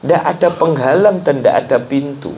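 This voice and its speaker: A man with a Javanese accent giving a sermon on a religious text, talking chattily with the audience and slowly chanting prayers. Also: a little high, darkish tone, a little hiss or hum. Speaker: preacher teaching a religious text.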